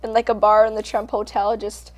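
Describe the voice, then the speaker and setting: A woman's voice: mid-range voice, level tone, a little fast. A teenage girl from Canada, a country singer, chatting upbeat in an interview with plenty of ums and likes. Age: teens. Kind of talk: casual interview.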